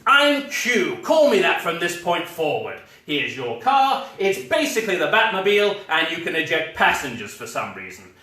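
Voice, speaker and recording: A man's voice: on the high side, very animated, normal speed, hardly any pauses, sharp tone. A man voicing a prim, fussy male quartermaster of spy gadgets. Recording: roomy live stage sound from a distance.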